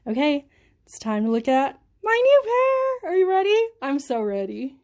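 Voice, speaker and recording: A young woman vlogger with a slightly raised pitch. She gushes and giggles through a casual unboxing, breathless with excitement. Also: normal speed.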